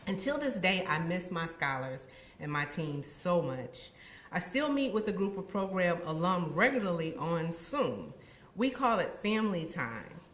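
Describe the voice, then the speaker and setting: Lively, lower-pitched woman giving a speech. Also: a little hiss or hum. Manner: expressive, acts out her own past thoughts. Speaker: university administrator giving a ceremony speech. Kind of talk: heartfelt ceremony speech. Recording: echoey room.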